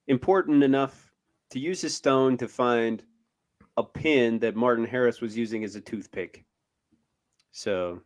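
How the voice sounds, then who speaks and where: A man co-hosting a podcast in casual chat, hesitant, with many ums and uhs. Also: medium pitch. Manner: hesitant, lots of fillers. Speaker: podcast co-host.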